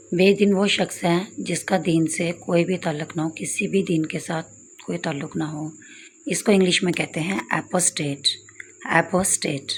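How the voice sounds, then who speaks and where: Woman teacher, low voice, very slow, patient drills, faint hiss behind. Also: a little mellow, rough recording. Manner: says each term, then its English twice, deliberately. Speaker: English vocabulary teacher. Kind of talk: slow vocabulary lesson, repeating each word.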